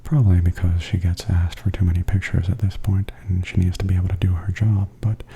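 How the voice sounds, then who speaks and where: A vlogger walking through a theme park and its indoor attractions offers gentle, observational ASMR tour commentary in a breathy, often near-whispered voice. His tone is deep and his pace fairly quick, with steady background noise and ambience throughout.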